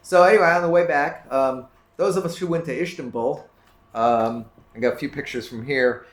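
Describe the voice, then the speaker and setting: A man's voice: mid-range voice, normal speed. Rambling man presenting to a room. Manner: rambling, self-correcting, many restarts. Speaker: club trip presenter. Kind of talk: casual slideshow talk to a group. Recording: roomy room echo, faint background noise.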